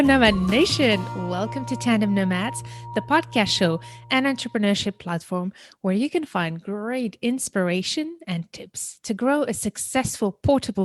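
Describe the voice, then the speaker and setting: A woman's voice: mid-range voice, dry recording. A woman hosting a business podcast interview, upbeat and speaking straight to her listeners. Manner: upbeat, addresses listeners directly. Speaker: podcast host.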